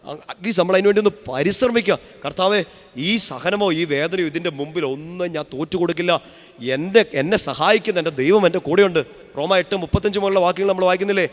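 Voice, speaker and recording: A man from Kerala preaching a sermon as a retreat priest, swinging from hushed words to loud calls for responses. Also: sits high, fairly quick. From Kerala, India. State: sore throat. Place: large retreat hall. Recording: long hall reverb.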